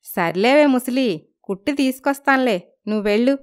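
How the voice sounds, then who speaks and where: A woman's voice: high voice, normal speed. A woman voicing a cheeky, playful young bride-to-be who talks back to an old neighbor. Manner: cheeky, sharp-tongued, playful. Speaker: voices young heroine.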